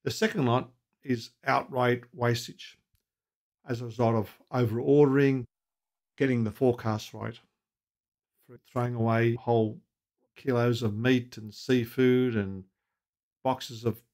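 A man's voice: mid-range voice, darkish tone. A man in his sixties talking to camera from a home office, giving practical, anecdotal advice on running a restaurant and putting questions to viewers. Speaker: restaurant consultant. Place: home office with bookshelves, indoors. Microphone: webcam at desk.

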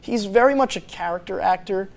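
Chatting casually on the movie review show he co-hosts, a young man speaks briskly in a high-pitched voice with vocal fry, with many fillers and restarts. A lapel mic records him in a small TV studio.

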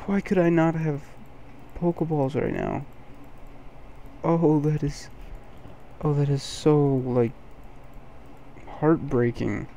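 Slow, gravelly young gamer talking quietly. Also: male voice, fairly high pitch, fairly even intonation, slight background noise. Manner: keeps voice down late at night, sleepy. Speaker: gaming video host. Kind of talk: gameplay commentary.

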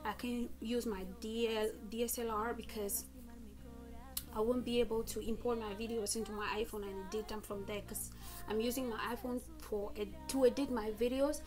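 A young woman with a fairly high voice talks in a casual, chatty way, like a beauty vlogger walking viewers through a tutorial. She is recorded on a phone at home, with music clearly audible behind her. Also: steady tone, moderate pace. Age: young adult. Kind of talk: casual makeup tutorial talk. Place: small room at home, indoors. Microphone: smartphone at about arm's length. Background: background music.

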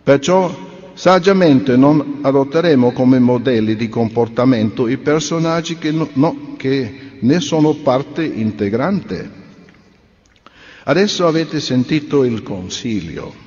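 Man, sermon, earnest rhetorical questions, middle pitch, lingering reverb. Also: expressive, takes it slowly, darkish tone. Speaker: speaker at a religious convention. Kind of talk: delivered sermon. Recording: dull reverberant recording.

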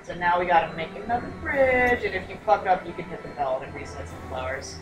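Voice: medium pitch, quick pace, echoey room, distant mic, music in the background. A co-commentator in casual banter over a video game, swearing casually and joking about the game. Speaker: let's play co-commentator.

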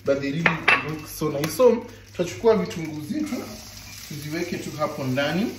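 A man with a Kenyan accent giving a relaxed, chatty home cooking tutorial, switching between Swahili and English. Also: fairly high pitch, fairly quick, very noisy. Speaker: home cook vlogger. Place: home kitchen. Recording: echoey kitchen with loud frying sizzle.

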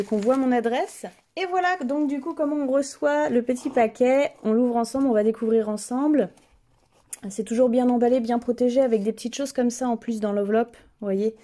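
A woman in her thirties chats through an unboxing, eager and gushing, with lots of little fillers and restarts. Her voice sits a little high. The tone is soft and mellow rather than bright. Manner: enthusiastic, many fillers and restarts. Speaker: vlogger. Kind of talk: casual unboxing chat.

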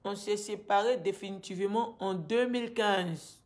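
A woman's voice: medium pitch, moderate pace. Distressed woman with an Ivorian French accent. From Ivory Coast. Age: 30s. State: distressed, grieving. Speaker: vlogger making a personal appeal. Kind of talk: emotional personal testimony to camera. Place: small indoor room at home. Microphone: phone at arm's length.

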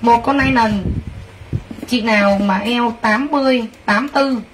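Heard from a distance on poor audio with faint background noise, this livestream clothing seller speaks a little slowly in a fairly high voice. Her pitch is excitable and gushing, full of exclamations aimed straight at her viewers.

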